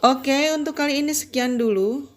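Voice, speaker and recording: A woman explaining sewing machine upkeep step by step, slow and instructive, addressing the viewer formally. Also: high-pitched. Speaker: sewing tutorial host. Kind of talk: step-by-step tutorial narration.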